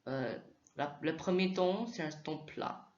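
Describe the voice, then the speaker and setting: A man teaching Mandarin sounds in a slow spoken lesson, hesitating often and repeating each sound aloud for practice. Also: fairly high pitch, darkish tone, slight background noise. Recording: echoey room, slightly dull sound.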